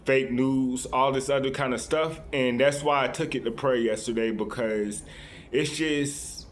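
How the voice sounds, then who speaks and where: Earnest rambling man, mid-pitched. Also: fairly even intonation, unhurried. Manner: rambling, many restarts and "right?" tags; earnest, confiding. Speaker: vlogger addressing his viewers. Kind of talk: casual unscripted monologue.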